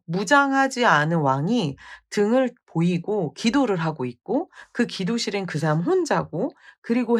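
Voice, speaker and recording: A woman retelling the plot of a classic play in a casual, conversational way, with frequent rhetorical questions. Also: medium pitch. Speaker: literature storyteller.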